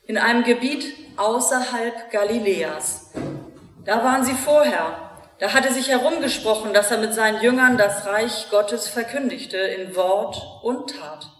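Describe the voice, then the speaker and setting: Female pastor, higher voice, measured sermon delivery, distant mic, echoey church. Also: a bit bright. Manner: slow, measured preaching with rhetorical questions.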